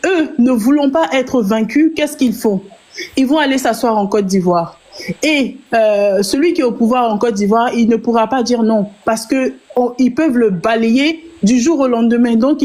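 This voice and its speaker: Woman guest, fairly high voice, insistent and repetitive. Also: dark tone. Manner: insistent, repeats for emphasis. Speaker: guest commentator. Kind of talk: political discussion.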